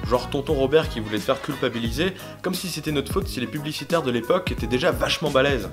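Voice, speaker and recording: A man's voice: medium pitch, animated, quick pace. A man co-hosting a comedy web show, presenting casually in colloquial, joking talk. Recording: music clearly behind.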